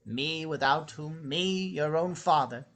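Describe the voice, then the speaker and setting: An actor playing a suspicious, self-pitying old evil scientist in a script read-through, imperious and guilt-tripping. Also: male voice, a little high, slow pace, a bit bright. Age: older.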